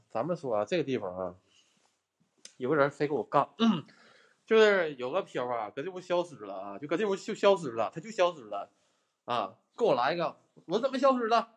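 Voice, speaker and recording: A young man hosts a ghost-hunting livestream from inside an abandoned house. He talks straight to his viewers in a loose, joking way and puts on bursts of mock outrage. His voice comes through a handheld phone. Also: medium pitch. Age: young adult. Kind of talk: casual livestream chat.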